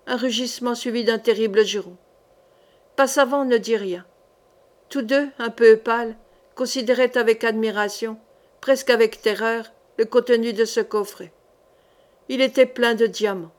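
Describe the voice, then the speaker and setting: Woman, audiobook narrator, historical novel, measured, slightly high voice. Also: fairly even intonation. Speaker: audiobook reader. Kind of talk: reading a historical novel aloud.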